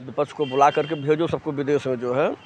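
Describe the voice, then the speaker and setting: Emphatic high-voiced man. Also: fairly even intonation, a little fast, a little mellow. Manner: emphatic, repeats filler "jo hai". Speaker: passerby giving opinion. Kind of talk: street interview. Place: outdoors on a city street.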